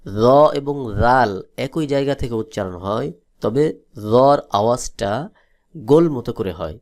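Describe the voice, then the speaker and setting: A man from Bangladesh teaching Quran letter pronunciation, drilling each letter slowly and repeating it several times. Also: mid-range voice, a little mellow. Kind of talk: slow letter-by-letter pronunciation lesson.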